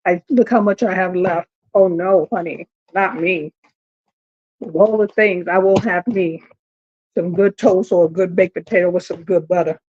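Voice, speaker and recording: A woman's voice: on the low side, fairly even intonation, moderate pace, darkish tone, breathy edge. A woman, talking casually to viewers in her home kitchen and complaining with dramatic exasperation. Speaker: home cooking vlogger. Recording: dull lo-fi audio.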